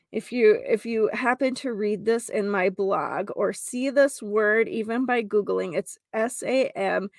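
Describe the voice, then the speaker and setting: An American woman with a slightly high voice hosts a casual spiritual show in a gentle mystical healer manner. She speaks slowly, gushing and stretching the words she stresses. The sound is dry and close, with little room in it. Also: dry recording. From North Dakota, United States.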